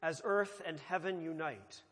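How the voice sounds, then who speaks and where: A man presiding at a church liturgy, reciting prayers in a slow, measured way, with a long cathedral echo around his voice. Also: a little high, fairly bright tone. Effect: cathedral echo, long church reverb. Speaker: presiding minister. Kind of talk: leading a eucharistic liturgy. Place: large church sanctuary. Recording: long reverb of a large church.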